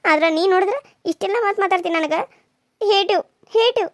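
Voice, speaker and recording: Cartoon role: woman playing a scornful village woman, North Karnataka accent, loud mocking scold, dry sound. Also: extremely high pitch, quick pace, no room sound. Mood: indignant. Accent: North Karnataka Kannada. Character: scheming village woman, sharp-tongued and scornful.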